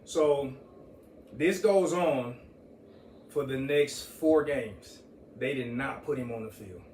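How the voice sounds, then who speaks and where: Dad guest, storyteller, voices other people, echoey distant mic. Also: male voice, mid-range voice, slow, a little hiss or hum. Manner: animated storyteller, quotes others, Southern US vernacular. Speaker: guest, father and coach. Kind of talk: casual storytelling.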